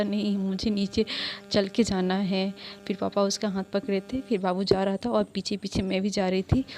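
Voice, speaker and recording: A woman's voice: mid-range voice, vocal fry, darkish tone, slight background noise. A young woman chatting in a homely, casual way as she vlogs outdoors while crossing a river, often restarting her sentences. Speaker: vlogger. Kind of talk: casual vlog narration.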